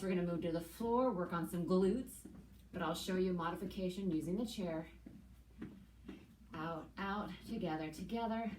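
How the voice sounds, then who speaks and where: A middle-aged woman coaching an exercise class as an aerobics instructor, calling cues and counts with steady encouragement while she works out. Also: mid-range voice. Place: indoors, plain room with hard walls. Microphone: camera several meters away. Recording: echoey room, distant mic, background noise.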